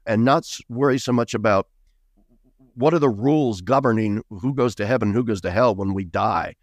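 Middle-aged guy, lowish voice, earnest and punchy, talking on a podcast, dead dry sound. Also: moderate pace, no echo. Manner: earnest, emphatic, rising to bursts of emphasis. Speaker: guest author. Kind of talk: interview conversation.

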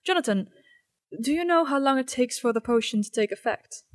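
A woman's voice: high-pitched, expressive, brisk, dry recording. A woman playing a scheming female student in a tabletop game, matter-of-fact and collusive. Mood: businesslike scheming. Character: conspiring young female student at magic school.

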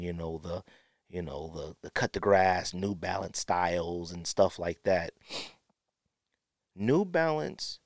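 Here a low-pitched man hosts a podcast, giving opinionated commentary between sniffles from a runny nose and repeating phrases for emphasis. A close podcast microphone captures a dry, clean studio sound.

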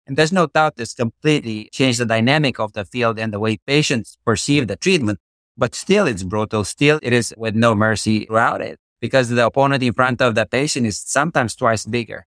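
Middle-aged Romanian-accented man, passionate expert guest, mid pitch, dry close mic. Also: fairly quick, a bit bright, no echo. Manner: passionate, uses boxing analogies, rhetorical questions. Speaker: guest cardiologist. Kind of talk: podcast interview, expert explanation.

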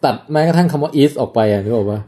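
A woman with an unusually deep, mellow voice, talking casually on a podcast. Her pitch swings widely as she describes things, and she tosses in blunt slang and jokes. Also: quick pace. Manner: expressive, swears casually, jokey asides. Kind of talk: casual chat.

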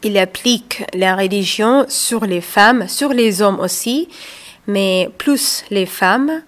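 Woman guest, 30s, from Somalia, non-native French, slow halting delivery. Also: mid-range voice. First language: not French. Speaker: guest, author. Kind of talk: radio interview.

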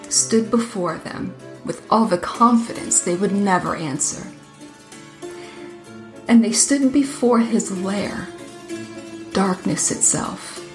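A woman narrating a folk tale in a measured, expressive reading voice. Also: medium pitch, reverberant. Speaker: storyteller. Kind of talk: storybook narration.

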